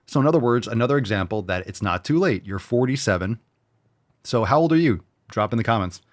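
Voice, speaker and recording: A man's voice: medium pitch, lively intonation, brisk, dry recording, clean studio sound. A man in his forties hosting a fitness show, talking bluntly and swearing as he pushes viewers to work out. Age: 40s. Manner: blunt, profane, pushy motivator. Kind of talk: motivational livestream talk, reading viewer comments.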